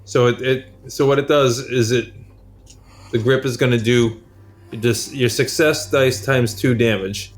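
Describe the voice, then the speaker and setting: A man acts as game master for a tabletop game, narrating the action and explaining rules in a casual, conversational, informal way. His mid-range voice keeps a steady tone and an unhurried pace.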